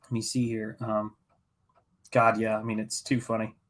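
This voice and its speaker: A middle-aged American man hosts a live painting stream, chatting casually as he works. His voice is fairly low and monotone at a normal speed, with a fairly bright tone. He rambles in a jokey, self-deprecating way.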